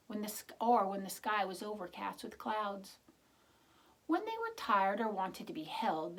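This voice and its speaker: A woman with a mid-range voice reads a picture book aloud to children, expressive and chatty, adding asides that explain words and asking her listeners questions. The mic is distant and the recording quality is low.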